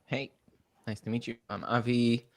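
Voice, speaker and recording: A man from Israel speaking as a guest on an online design panel, brisk and upbeat. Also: mid-range voice, little pitch movement, creaky, darkish tone, no echo. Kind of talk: panel discussion.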